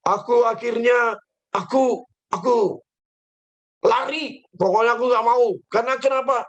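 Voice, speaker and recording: A stubborn, complaining prophet speaks up in a high, raised voice, acted by a man telling the story. He sounds defensive and sulky, as in a Sunday-school storybook telling. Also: steady tone, measured pace, lo-fi sound. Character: reluctant sulking male prophet Jonah.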